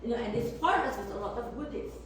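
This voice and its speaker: A woman's voice: a little high, expressive. Older woman teaching, echoey room. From Indonesia. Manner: didactic, emphatic, with deliberate word-by-word listing and repetition. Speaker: etiquette teacher. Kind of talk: informal class lecture to family. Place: echoey indoor room, mic at a distance. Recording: echoey room, distant mic, faint noise.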